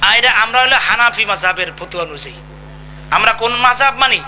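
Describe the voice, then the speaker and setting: A man's voice: high-pitched, expressive, fast, pushed and bright, rough recording. A man preaching a sermon, emphatic and asking his listeners rhetorical questions. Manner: emphatic, asks the audience questions. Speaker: Islamic preacher.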